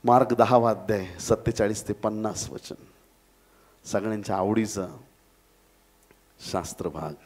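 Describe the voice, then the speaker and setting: Slow, dramatic man preaching a sermon. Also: fairly low pitch, fairly even intonation, darkish tone. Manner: dramatic preaching, acting out crowd voices and addressing the church. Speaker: pastor. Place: church.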